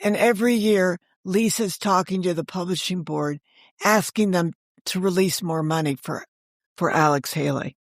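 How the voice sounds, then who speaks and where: An older woman with a lowish voice speaks at a moderate pace as a podcast interview guest, an author and former book editor telling animated stories. She acts out dialogue and asks rhetorical questions, captured in studio quality without echo.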